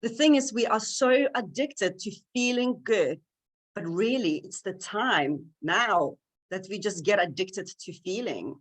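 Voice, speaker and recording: A woman speaking at a tech event, giving an earnest, animated motivational talk that addresses the audience directly. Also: medium pitch, a little slow. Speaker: conference speaker. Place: event stage.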